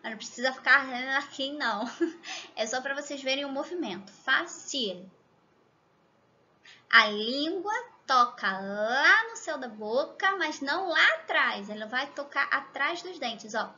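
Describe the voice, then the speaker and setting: Woman teacher from Rio, Rio accent, high bright voice, slow exaggerated pronunciation, chatty asides to viewers. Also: animated, muffled recording. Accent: Rio de Janeiro Portuguese. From Brazil. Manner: chatty, checks in with the viewer often. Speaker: Spanish teacher. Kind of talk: language lesson to camera.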